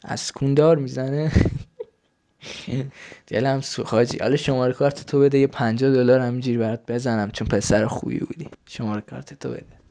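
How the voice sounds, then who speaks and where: Creaky and dark, with a mid-range pitch and fairly even intonation, a man's voice comes through as he chats with strangers on a video-chat site. A YouTuber, he's crude and teasing, swearing frequently and adopting a coaxing, big-brother tone.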